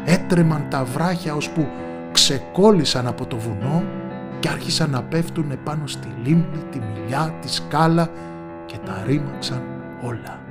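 A man's voice: a little high, lively intonation, over music. A man narrating a folk tale with rhythmic, repeated phrases. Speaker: storyteller.

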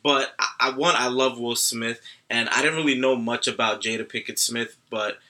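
A man's voice: mid-range voice, steady tone, moderate pace, sharp tone. A young man co-hosting a casual chat show, easygoing and thoughtful. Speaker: podcast co-host.

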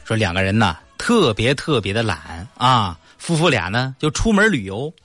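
Lively man telling jokes. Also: fairly low pitch, moderate pace, music in the background. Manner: lively, playful storytelling. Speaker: joke teller. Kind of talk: casual joke telling.

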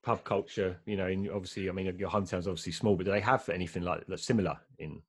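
Husky-voiced man hosting a podcast. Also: deep voice, fairly even intonation, fast talker. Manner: chatty, laughs often, hesitant restarts. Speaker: podcast host. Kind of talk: casual interview.

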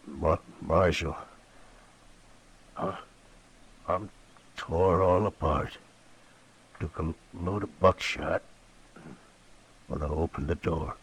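An actor playing a badly wounded, frightened settler in a 1950s radio drama, speaking weakly and haltingly. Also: male voice, low-pitched, flat delivery, darkish tone, breathy edge, heavily acted. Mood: dying. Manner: weak, halting, stammering.

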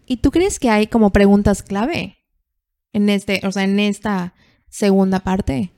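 Woman, podcast host, attentive, curious questions, mid-pitched voice. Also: a little slow, creaky, warm tone, no room sound, studio quality. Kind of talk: podcast conversation.

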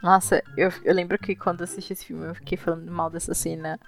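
A woman, co-hosting a casual chat, animated and dramatic, full of exclamations. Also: fairly low pitch, quick pace, gravelly, soft background music. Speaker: podcast co-host.

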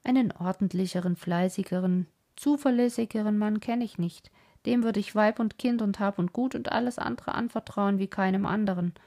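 A woman's voice: mid-range voice, normal speed, dark tone, close to an everyday voice. A woman reading aloud, voicing a proud colonel praising an honest carpenter in an old storybook. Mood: emphatic.

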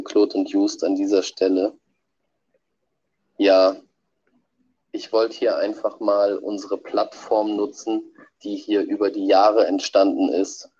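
A man with a cold and a nasal voice, heard as a low-quality audio file played back on a podcast, delivering a prepared message. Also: dark tone. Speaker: podcast regular sending a birthday message. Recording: dull lo-fi playback.

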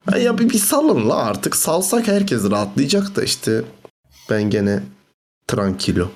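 A man's voice: big pitch swings, measured pace, darkish tone. A man in a casual podcast chat who sounds fed up and swears while venting. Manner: exasperated, swears, jumps in pitch. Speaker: podcast co-host.

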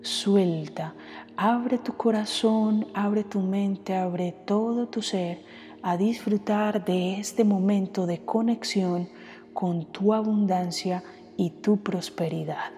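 Gentle and unhurried, this woman guides listeners through meditation in a mellow, soft voice of medium pitch, leaving long gaps between phrases. Heavy reverb lingers on her speech over background music, in the style of a meditation guide or podcast host.

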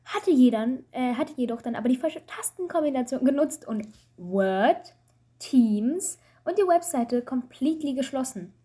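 Husky rambling woman, casual chat. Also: high-pitched, expressive, moderate pace, warm tone. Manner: rambling, self-mocking storyteller with frequent fillers. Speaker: student. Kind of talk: casual chat over a call.

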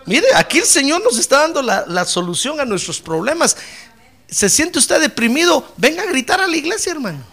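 A man preaching a fiery sermon in church, dropping to low asides and then rising to shouted praise. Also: sing-song, fairly quick. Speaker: pastor.

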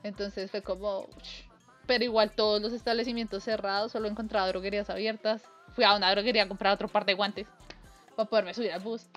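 A woman's voice: mid-range voice, little pitch movement, quick pace, a bit bright, soft background music. A young woman telling a casual anecdote, acting out the voices she quotes and laughing often. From Colombia. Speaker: storyteller.

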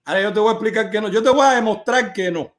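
A man's voice: high-pitched, racing, a bit bright. A man hosting a live stream, arguing insistently and lecturing a caller point by point.

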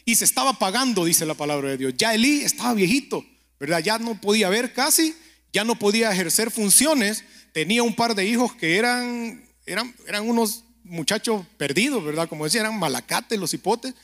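A man preaching a conversational sermon and prayer, telling stories, speaking straight to the listener and often checking in with a quick question. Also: high voice, lively intonation, a bit bright. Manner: keeps asking the listener "¿verdad?".

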